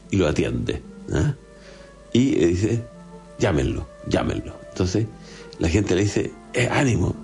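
A man's voice: sits low, a little mellow. A man with a Chilean accent giving a conversational homily, often tagging his points with short questions. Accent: Chilean Spanish. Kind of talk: homily on a gospel passage.

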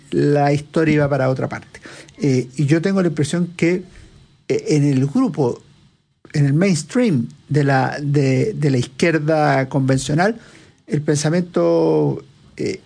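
A man's voice: high voice, gravelly, a little mellow, husky. A man, a political analyst answering interview questions in a lecturing way, often posing a question and then answering it himself.

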